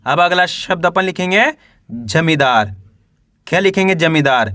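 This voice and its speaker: A man's voice: fairly high pitch, animated, normal speed, bright, forceful tone, no echo, studio quality. A man teaching beginners to read and spell, sounding out each word syllable by syllable and asking the learner questions as he goes. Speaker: Hindi reading teacher.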